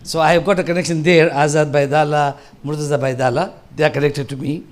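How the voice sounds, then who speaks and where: A man in his sixties from Tanzania talks fast in a slightly high, flat voice. He's a guest speaker giving a conversational talk to a seniors group in a large hall, rambling and restarting his sentences.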